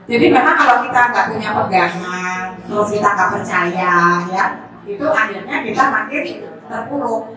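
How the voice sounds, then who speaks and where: A woman giving a seminar talk to parents, chatty, addressing them often with tag questions. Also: mid-range voice. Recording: echoey room, voice far from mic.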